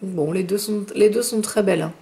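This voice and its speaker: A woman with a chatty manner, reviewing eyeshadow palettes and slowing down to name each shade. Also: mid-range voice, warm tone. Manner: chatty, fillers, slows down when naming shades. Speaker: beauty vlogger. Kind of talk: makeup review with swatches.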